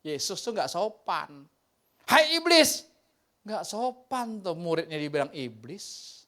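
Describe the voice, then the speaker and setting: Joking, animated male pastor preaching. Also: on the high side, unhurried. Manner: humorous, animated storytelling with slangy asides. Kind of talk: sermon. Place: church sanctuary.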